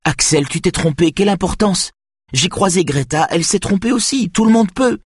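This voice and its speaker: A man's voice: expressive, moderate pace, husky, dry recording, studio quality. A man voicing a young boy pleading with his older brother. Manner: pleading, high and urgent.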